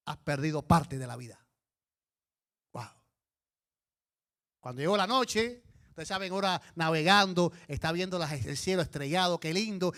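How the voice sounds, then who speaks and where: Bright-voiced emphatic male preacher. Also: sits high. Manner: emphatic, animated storytelling. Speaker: pastor. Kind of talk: sermon.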